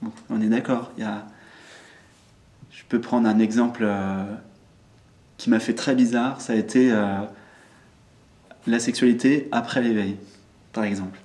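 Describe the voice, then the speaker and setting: A man calmly reflecting, as a spiritual teacher, in a group discussion, pausing often. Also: medium pitch. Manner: calm, reflective, hesitant with many pauses. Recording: roomy echo.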